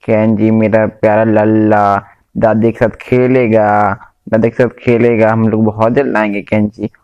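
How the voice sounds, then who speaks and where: A man's voice: fairly low pitch, flat delivery, brisk, darkish tone, lightly acted. A man voicing Mitsu's mother, a doting grandmother who coos over her grandson and scolds her son. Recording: dull lo-fi dry recording.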